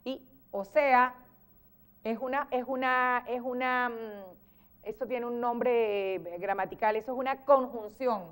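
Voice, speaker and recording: A woman teacher with a Venezuelan accent, patiently explaining grammar in a TV interview and acting out lively example sentences. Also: fairly high pitch, a little slow, clean tone. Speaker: teacher guest.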